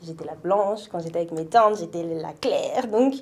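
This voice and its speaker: In a casual interview, a woman from France in her twenties shares her story thoughtfully, leaning on fillers and letting out soft laughs. She has a lowish voice and a moderate pace.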